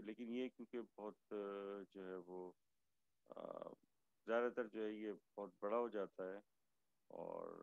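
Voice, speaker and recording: A male lecturer with a hoarse voice, teaching a math class online slowly and haltingly, with many fillers. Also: fairly low pitch, darkish tone, no echo, muffled recording. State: hoarse, fasting.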